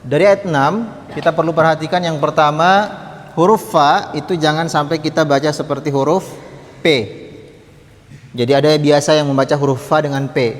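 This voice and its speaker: A man teaching tajwid, patiently demonstrating Arabic sounds slowly and having the class repeat after him. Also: fairly high pitch, fairly even intonation, in a large hall. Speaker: Quran recitation teacher. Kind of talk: tajwid lesson with chanted examples.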